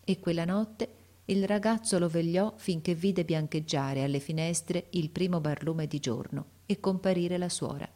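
A woman narrating an audiobook in a measured, expressive reading. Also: on the low side.

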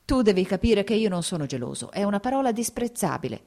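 A woman's voice: medium pitch, expressive, moderate pace, mellow, lightly acted. A woman voicing an agitated, jealous young husband in an audiobook, speaking in pleading, broken outbursts. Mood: anguished.

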